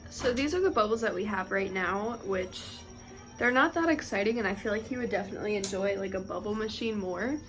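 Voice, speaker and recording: A woman's voice: medium pitch, brisk, fairly bright tone, low-quality recording. A young woman, a stay-at-home mom, chatting casually through her day's chores in a home vlog. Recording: music playing under the voice.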